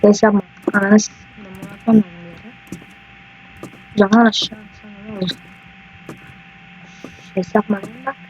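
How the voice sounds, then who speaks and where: A man doing casual let's-play commentary, rambling and excitable, often swearing at the game. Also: sits high, normal speed, pauses often. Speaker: gaming YouTuber. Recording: dull lo-fi mic with faint hiss.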